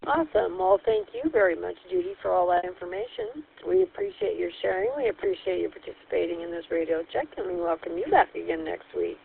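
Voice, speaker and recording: A woman with a low, gravelly voice runs radio check-ins over a walkie-talkie. She keeps to formal call-sign protocol in a cheerful tone. The sound is thin and tinny, with a faint hiss behind it. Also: very animated, quick pace, hardly any pauses. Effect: heard over a two-way walkie-talkie radio. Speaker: radio net control host.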